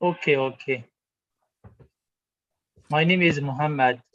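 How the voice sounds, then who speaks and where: A man's voice: a little high, takes it slowly, a bit bright, dry recording, dull audio. A man from Syria, a student in an online English class, speaking hesitant broken English with restarts over a video call. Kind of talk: halting conversation practice.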